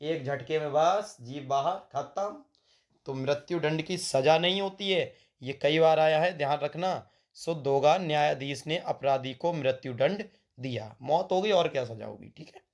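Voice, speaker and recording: Male grammar teacher, fairly high voice, jokey asides. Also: measured pace. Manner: addresses students as "beta", teasing asides. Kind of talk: classroom grammar lesson.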